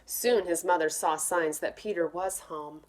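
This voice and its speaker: A woman teacher reads aloud to young children at a very unhurried pace. Her voice sits a little low, and her delivery is gentle and expressive, speaking straight to her listeners. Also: slight background noise. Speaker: teacher reading aloud to pupils.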